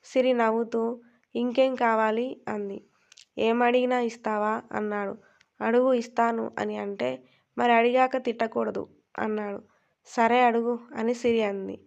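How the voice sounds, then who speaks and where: A woman's voice: a little high, gravelly, darkish tone. A woman reading a romantic story aloud, doing the dialogue in her own voice. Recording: dull lo-fi recording.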